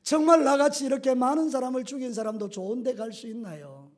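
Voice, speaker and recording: A pastor acting out a remorseful condemned prisoner. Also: male voice, very high voice, fast talker, pitched above the performer's own voice. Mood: pleading.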